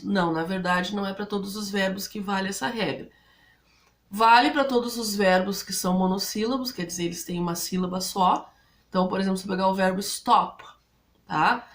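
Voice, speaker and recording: A woman speaking Brazilian Portuguese, explaining English grammar rules to students step by step and often checking in with her listeners. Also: mid-range voice. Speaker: English teacher.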